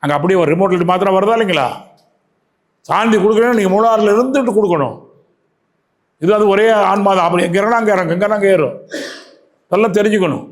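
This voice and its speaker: A man with a Tamil Nadu accent giving a spiritual talk to a yoga class. He keeps asking his listeners questions, repeats key phrases and recites verses slowly. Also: high voice. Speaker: yoga teacher.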